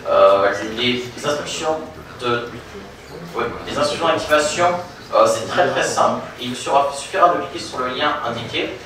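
A young man presents a product demo to a seated audience, stumbling over fillers and restarting his sentences. His voice sits at an average pitch and comes from a distance in a very echoey room. A faint room hum stays underneath. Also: pushed and bright. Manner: halting, many fillers and restarts. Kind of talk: live product demo at a meetup. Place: conference room with audience, projector screen.

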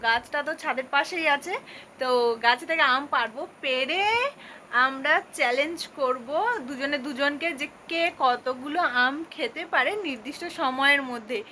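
A young woman chatting to her viewers in a lively vlog, addressing them as friends, recorded outdoors on a sunny rooftop. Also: high-pitched, moderate pace, a little hiss or hum. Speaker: vlogger.

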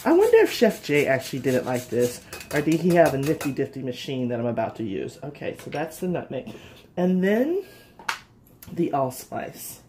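A woman's voice: low voice, sing-song, moderate pace, warm tone, slight background noise. A middle-aged woman hosting a casual home cooking show from her kitchen, chatty and upbeat, talking straight to viewers.

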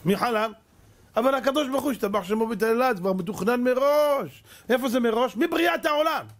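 A middle-aged man, a rabbi giving a dramatic lecture full of rhetorical questions, jumping between loud exclamations and hushed asides. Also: very high voice, lively intonation. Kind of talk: animated Torah lecture.

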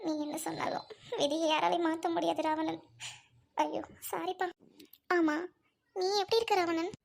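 A woman's voice: very high-pitched, steady tone, moderate pace, darkish tone, a little hiss or hum. A woman playing a grieving young widow, speaking in a sorrowful, pleading way as amateur drama acting.

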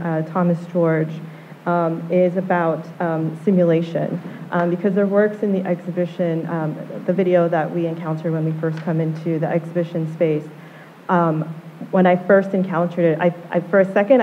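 A woman moderating an art gallery panel, asking her questions in a measured way full of ums. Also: on the low side, slight background noise. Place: art gallery panel before a live audience. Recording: thin phone-like live recording.

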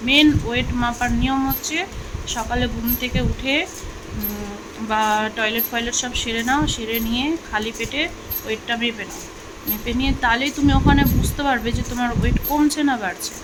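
A woman's voice: a little high, fairly even intonation, a little fast, very noisy. A woman in her thirties from Bengal, chatting casually to viewers at home while she cleans and tidies. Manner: chatty, talks while doing housework. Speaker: vlogger. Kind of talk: casual home vlog chat. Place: home, indoors.

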